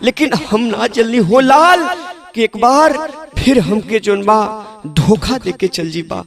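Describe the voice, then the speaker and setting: A man's voice: sits high, unhurried, gravelly. A man with a Bhojpuri accent voicing a grieving old mother who laments her lost son in a mournful, pleading tone.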